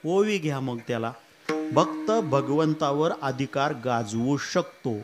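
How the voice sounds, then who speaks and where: A man's voice: mid-range voice, slow, music in the background. A man preaching a humorous, folksy Ramayana discourse, with asides to his listeners. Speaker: kirtan preacher.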